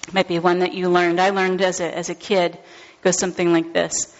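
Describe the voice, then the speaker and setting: A woman pastor giving a gentle, deliberate sermon, speaking to the congregation by name. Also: fairly low pitch, little pitch movement, muffled recording.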